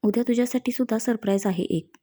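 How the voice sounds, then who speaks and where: A tender young husband with a playful, teasing way of talking, read by a woman. The voice is soft and mellow, a storybook reading with a gentle, unhurried delivery. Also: a little high, close to an everyday voice.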